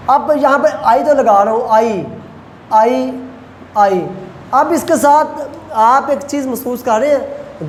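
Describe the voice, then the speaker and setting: A male lecturer who teaches Chinese pronunciation, repeats syllables slowly and quizzes his students. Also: very high-pitched. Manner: asks students questions. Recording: echoey room, faint ambient noise.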